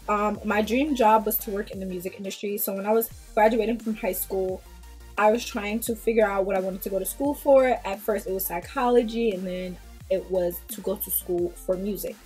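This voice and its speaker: A woman's voice: medium pitch, a little mellow. A woman, talking casually and bluntly to the camera in a small room, now and then dropping into Jamaican patois phrases. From Queens, New York. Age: 20s. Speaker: vlogger. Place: small indoor room before a plain pink backdrop.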